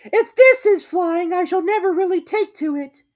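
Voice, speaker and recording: A man voicing a tiny, timid young male piglet in a storybook reading, squeaky and jerky. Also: moderate pace. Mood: frightened.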